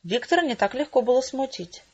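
A woman narrating an audiobook in an even, measured way. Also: sits high, husky. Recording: dull lo-fi recording.

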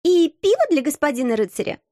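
Woman putting on a blunt young tavern-keeper girl, high voice leaping all over, curt and dismissive, audiobook. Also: very animated, fast talker, warm tone, dry recording, clean studio sound. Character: plump rosy-cheeked young female innkeeper, blunt and curt.

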